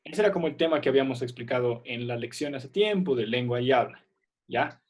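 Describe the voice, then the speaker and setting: A man's voice: mid-range voice, animated, a little fast. A man teaching a primary school class on a video call, patient and checking that students follow. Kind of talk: online class explanation.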